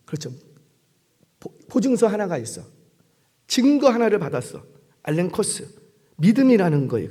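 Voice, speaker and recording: A man with a high, lively voice preaches a sermon. He breaks into acted-out voices and asks the congregation questions. The sound rings with a long reverb from a large church hall. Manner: animated storytelling, acting out voices and questioning the congregation. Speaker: pastor. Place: church sanctuary.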